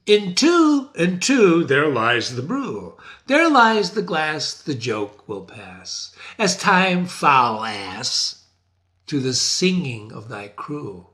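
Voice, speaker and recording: A sly male devil speaks with lordly scorn, as a man puts him on, drawing out his words slowly. His voice swings widely and sounds bright and forceful. This is a dramatic reading. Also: fairly high pitch, very animated, exaggerated voice. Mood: mocking chant. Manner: mocking, lordly.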